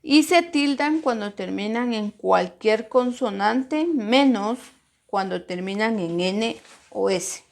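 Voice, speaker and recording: Woman schoolteacher, unhurried, a bit high-pitched, spells out syllables for young pupils. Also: expressive, gravelly. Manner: slow, deliberate, stresses syllables when modeling words. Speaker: primary school teacher. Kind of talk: recorded grammar lesson.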